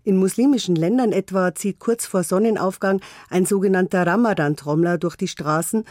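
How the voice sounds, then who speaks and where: A woman narrating a scripted radio report in an even, formal manner. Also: mid-range voice, normal speed, no echo, clean studio sound.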